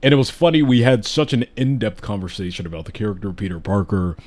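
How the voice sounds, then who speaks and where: A man's voice: lowish voice, fast talker, darkish tone. A man hosting a casual live podcast chat, talking enthusiastically and rambling with restarts, hiccuping now and then. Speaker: host.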